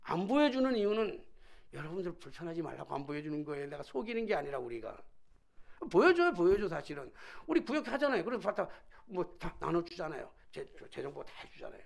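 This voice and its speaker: Pastor preaching, chatty with lots of rhetorical questions, gravelly voice that swings a lot. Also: medium pitch, sing-song, fast. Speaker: senior pastor. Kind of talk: sermon.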